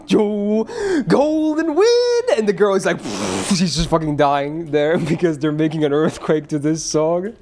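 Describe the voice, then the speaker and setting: A man's voice: on the high side, darkish tone. A male streamer chatting casually with his viewers, loose and rambling, often laughing and swearing.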